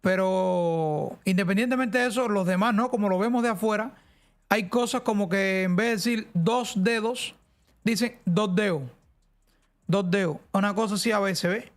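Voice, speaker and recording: Man, Cuban accent, high-pitched, rambling casual streamer chat. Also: normal speed. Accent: central Cuban Spanish. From central Cuba. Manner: chatty, rambling, with restarts. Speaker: streamer host.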